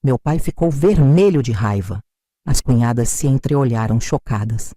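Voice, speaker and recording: A woman narrating a dramatic family story in the first person, raising her voice for the characters' shouted lines. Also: rumbling low, expressive, moderate pace, no echo, studio quality.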